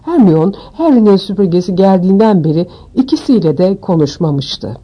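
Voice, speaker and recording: A woman reading an audiobook aloud with expressive storytelling. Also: medium pitch, moderate pace, slightly rough. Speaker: audiobook narrator. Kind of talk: scripted audiobook narration.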